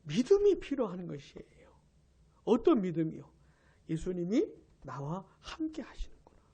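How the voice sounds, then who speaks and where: A woman pastor preaching a New Year's Eve sermon. She tells the story with animation, asks the congregation questions and answers them, and drops to a hush for emphasis. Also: fairly low pitch, huge pitch swings, moderate pace, a little hiss or hum. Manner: drops to a hush for emphasis, then rises again.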